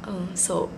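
A woman's voice: medium pitch, background noise. A young woman in her twenties hosting a casual solo podcast, chatting in a rambling, giggly, self-deprecating way. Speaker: podcast host.

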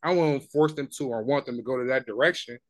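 A man's voice: mid-range voice, fast talker, dry recording. A man in his twenties co-hosting a podcast in casual chat. He talks in a laid-back, slangy way and restarts his sentences often. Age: 20s. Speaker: podcast co-host.

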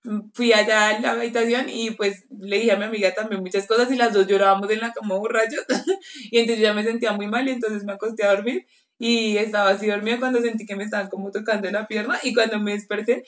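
A young woman telling a story in a casual podcast chat, animated and laughing often as she acts out quotes. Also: medium pitch, quick pace, roomy sound. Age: young adult. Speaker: podcast co-host.

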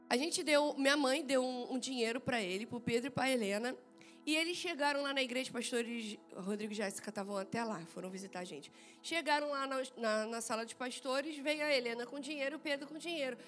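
A woman pastor, preaching in church in a lively, playful way, acting out dialogue and laughing often. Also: a little high, fairly quick, soft background music. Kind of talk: sermon with personal storytelling. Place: church service.

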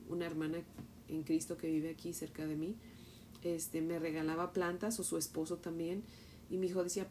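A middle-aged Mexican woman with a Mexican accent, teaching from the Bible and telling a personal story in an animated way, often asking "¿verdad?". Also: fairly low pitch, a little hiss or hum.

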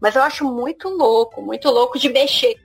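A Brazilian woman co-hosting a podcast, telling stories about her cats in an animated, casual way. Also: fairly high pitch, normal speed, gravelly, husky, soft background music. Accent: Brazilian Portuguese. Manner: animated storytelling.

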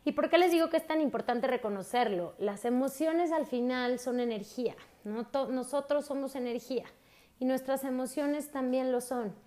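Higher-voiced woman teaching casually. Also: moderate pace, a little mellow. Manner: speaks directly to listeners, often asks rhetorical questions and adds a tag "¿no?". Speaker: host of an emotional wellbeing talk. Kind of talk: casual teaching talk to listeners.

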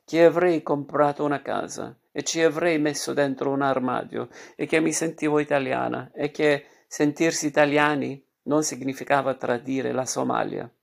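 A man narrates a literary story in a measured, expressive manner. His voice has a gravelly, creaky texture at a middle pitch. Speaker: reader.

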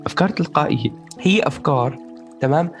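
A man's voice: fairly high pitch, expressive, fast talker, music in the background. A man with a Levantine Arabic accent chatting casually about personal experience, explaining things as he goes, checking in with the listener and dropping in English words.

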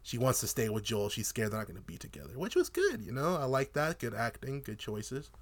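Animated young man ranting casually. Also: mid-range voice, a little fast. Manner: animated, profane, joking rants. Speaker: podcast co-host. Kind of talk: casual TV review chat.

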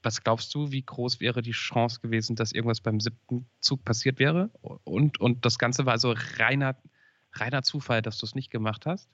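Gentle probing male interviewer, dry sound. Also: mid-range voice, fairly even intonation, moderate pace, no room sound, muffled recording. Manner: gentle, probing, stumbling restarts. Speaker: podcast host. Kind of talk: interview questioning.

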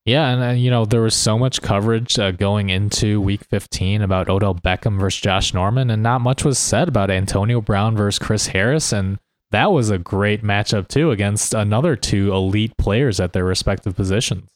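A man with a lowish voice co-hosts a fantasy football podcast, talking casually yet a little hesitantly into a close mic. He keeps a normal pace with few pauses, and there is no echo.

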